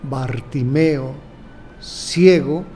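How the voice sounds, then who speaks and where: Faint music plays behind an older bishop with a Mexican Spanish accent as he delivers a sermon, slow and measured, repeating his phrases. His voice is medium in pitch and dark in tone.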